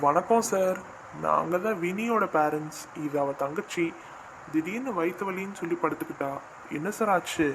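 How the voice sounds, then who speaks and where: A man's voice: extremely high pitch, fairly even intonation, normal speed, background noise. A man voicing a doting cartoon father who frets and laments over his child. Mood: polite. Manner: anxious, lamenting.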